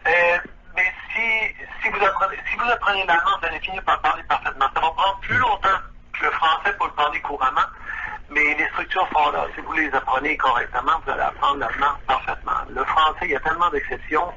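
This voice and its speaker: A man's voice: a little high, quick pace, creaky, dull audio, noisy background. A man from Quebec with a Quebec French accent, talking hesitantly as a radio interview guest, with many fillers as he searches for words. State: nervous. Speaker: guest musician living abroad.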